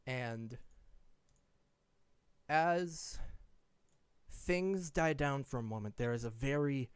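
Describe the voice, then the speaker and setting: A man acting as game master, improvising descriptive narration with dramatic pauses. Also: mid-range voice, smooth, no room sound.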